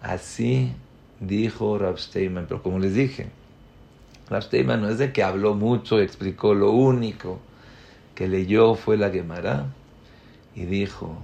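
A man giving a Torah lecture as a rabbi, building to loud emphatic peaks and acting out the people he quotes. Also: fairly low pitch, measured pace, vocal fry.

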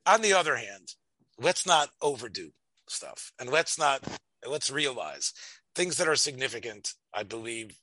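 Emphatic man with bright. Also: mid-range voice, very animated, dry recording, poor audio. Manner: argumentative, emphatic, halting with repeated words. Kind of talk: religious debate, conversational.

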